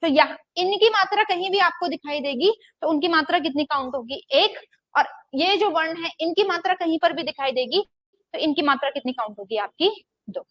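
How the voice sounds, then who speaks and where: Teaching grammar with a steady lecture rhythm, a young Hindi teacher speaks in a high voice. She poses a question to the class, pauses, then answers it herself, and draws out vowels to demonstrate them, all in a close, dry recording with no room sound.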